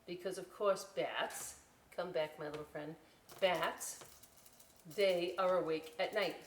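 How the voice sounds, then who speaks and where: Reading aloud at a library story time, this woman speaks in a lowish voice and a casual, playful manner. Her asides to the children are chatty, and she frequently asks "right?" to check in. The sound is reverberant, captured from a distance with faint noise behind.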